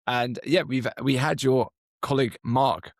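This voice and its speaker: An upbeat, chatty man in his thirties hosts a podcast interview, encouraging his guests at a mid pitch. The sound is dry and close to the mic, with no room echo. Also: fairly even intonation, measured pace. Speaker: podcast host.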